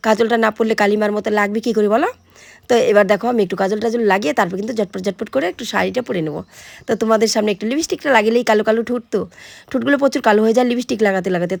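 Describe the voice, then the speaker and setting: A hoarse woman chatting to her viewers in a casual home vlog while she gets ready. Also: on the high side, dry recording. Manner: chatty, addresses viewers directly. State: hoarse, sore throat. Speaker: vlogger.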